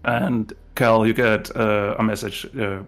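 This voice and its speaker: Gravelly man playing a tabletop game. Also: fairly low pitch, flat delivery, slow pace, a bit bright, soft background music. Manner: thinking aloud, casual. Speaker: player.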